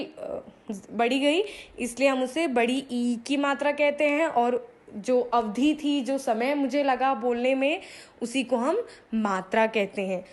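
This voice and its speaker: A young woman with a high, bright voice teaches children a grammar lesson. She asks the class questions and answers them herself. She draws out single sounds and repeats key phrases slowly.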